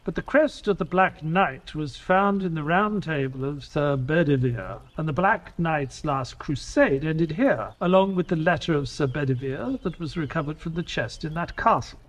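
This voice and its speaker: An actor playing Dr. Watson, an inquisitive companion who narrates an audio play in an earnest, storytelling way. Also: male voice, a little high, lively intonation, moderate pace, few pauses. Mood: curious, doubting. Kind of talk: audio drama narration and dialogue.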